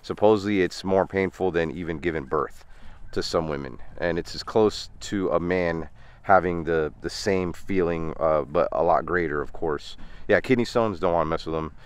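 A man's voice: deep voice, normal speed, smooth. A man in his thirties from the United States, chatting casually in a vlog while tending animals in a farm paddock, filmed on a handheld camera at arm's length. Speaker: vlogger.

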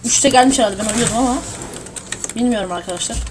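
A young woman giving casual gameplay commentary at her home computer, excitable and swearing at the game. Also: a little high, fast, slight background noise. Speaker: gamer streaming a shooter.

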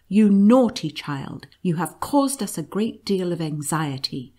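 A woman's voice: sits low, husky, full character voice. A woman reading the lines of a stern, worried mother scolding her little daughter. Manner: scolding, then hushed and soothing.

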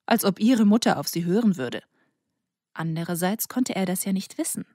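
A woman reading an audiobook in a soft, intimate narration that sometimes falls to a near whisper. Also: mid-range voice, lively intonation, moderate pace, no echo, clean studio sound. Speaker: audiobook reader. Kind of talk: scripted narration.

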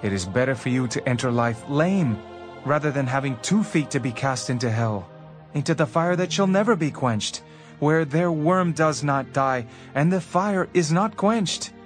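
An actor playing Jesus as a grave, authoritative teacher and healer in a dramatized audio Bible, speaking in a measured way. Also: male voice, fairly high pitch, animated, natural voice. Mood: stern warning. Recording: background music under the voice.

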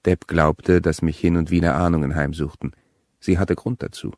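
Man, audiobook narration, deep voice, cool measured delivery, dry recording. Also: fairly even intonation, a little mellow, dry recording. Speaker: audiobook reader.

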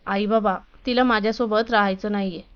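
A woman's voice: medium pitch, fairly even intonation, a little fast, clean tone, close to an everyday voice. A woman voicing a sulky young husband. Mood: irritated. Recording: dull lo-fi recording.

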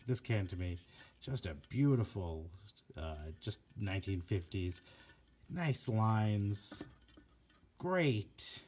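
Speaking slowly in a slightly low, somewhat mellow voice, a man shows off his collection in a relaxed vlog. His delivery is halting and full of fillers and self-corrections, but he gushes admiringly about every item.

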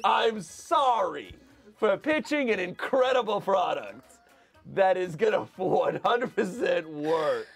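A man improvises a ridiculous sales pitch on a live comedy stream, rambling and swearing as he goes. His pitch swings widely up and down with excitement, and he keeps breaking into laughter. Faint music sits in the background. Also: slow pace, gravelly. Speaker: comedian pitching a fake product.

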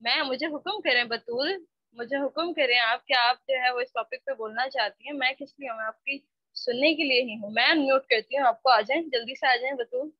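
Over a video call's computer mic, a woman with a high, fairly quick voice teaches an online spoken English class, scolding her students as she moves between Hindi-Urdu and English. The audio is dull and dry, typical of an online call, with no echo.

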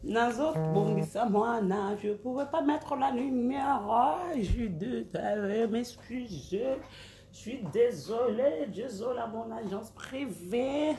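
Woman, slow and chatty, greets viewers by name on a live stream; echoey room. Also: on the high side, animated, music in the background. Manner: chatty, calls out names one by one. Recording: roomy echo, faint background ambience.

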